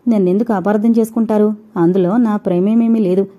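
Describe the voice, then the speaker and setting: A woman voicing a patient young wife who speaks softly and pleads. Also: medium pitch, steady tone, fast, muffled recording, lightly acted. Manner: soft, pleading.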